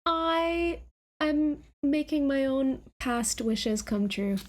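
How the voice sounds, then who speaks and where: A woman's voice: high-pitched, takes it slowly, a little mellow. A woman live-streaming a reaction to her own old videos, chatting casually in a giggly, scattered, self-mocking way.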